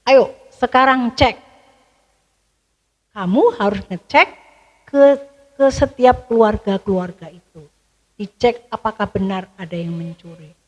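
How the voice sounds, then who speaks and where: A woman's voice: medium pitch, a little slow, long pauses, in a large hall, close to an everyday voice. A woman voicing God, speaking firmly and with questions. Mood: commanding. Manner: firm, questioning.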